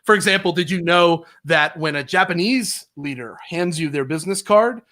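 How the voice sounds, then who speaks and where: A man's voice: on the high side, moderate pace, pushed and bright. A man talking as a podcast guest, explaining sales calls in a confident, emphatic way. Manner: confident, emphatic, demonstrates phone openers. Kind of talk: casual interview talk.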